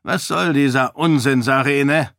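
A man voicing an irritable, blustering king who speaks gruffly and impatiently. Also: medium pitch, lively intonation, unhurried, a bit bright, no room sound, studio quality, pitched above the performer's own voice.

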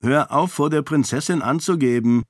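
A man voicing a young boy who teases his sister in a deadpan tone. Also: fairly high pitch, normal speed, no echo, studio quality, pitched above the performer's own voice, lightly acted. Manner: deadpan, teasing. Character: young boy, dry, unimpressed older brother.

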